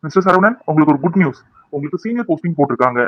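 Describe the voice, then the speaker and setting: Man doing a cartoon office boss, talky and persuasive, fast. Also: a little high, lively intonation, dull audio, very noisy, close to an everyday voice.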